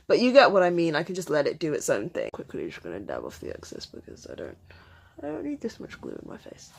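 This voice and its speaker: A woman vlogger talking through a makeup tutorial step by step in a chatty way, sometimes dropping to a soft murmur while she concentrates. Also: lowish voice.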